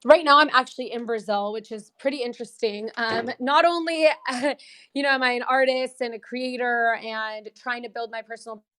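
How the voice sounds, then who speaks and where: Her voice is a little high and fairly bright, with a steady tone and normal speed. A woman from the United States whose first language is Portuguese, she's a remote podcast guest in Brazil, telling her story in a casual interview, upbeat and chatty, laughing between points.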